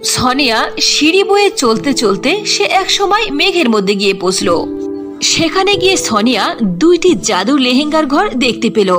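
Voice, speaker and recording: A woman narrates a scripted children's fairy tale as the storyteller, her high voice very animated and her pace moderate. Clear music plays under her voice.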